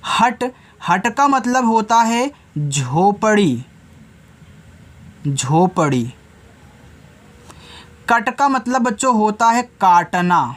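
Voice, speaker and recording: A man with a Hindi accent runs an English phonics lesson for children, his high voice swinging widely in pitch. He spells each word letter by letter with slow care and keeps answering his own questions.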